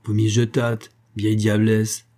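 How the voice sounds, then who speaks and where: A man's voice: on the low side, monotone, unhurried, dark tone, lightly acted. A man reading a storybook, voicing an impatient, menacing young man who speaks curtly. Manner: curt, threatening.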